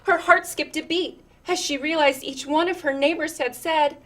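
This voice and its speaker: A woman's voice: high-pitched, steady tone, moderate pace, a bit bright. A woman reading a children's picture book aloud expressively, with chatty asides and questions to her listeners.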